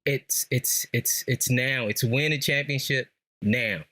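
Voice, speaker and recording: A Southern California man from Los Angeles, a lifelong Lakers fan, talks on a podcast as a guest in an American accent. His mid-range voice is slow with a sharp tone. He tells casual, slang-filled stories and hammers points home by repeating phrases.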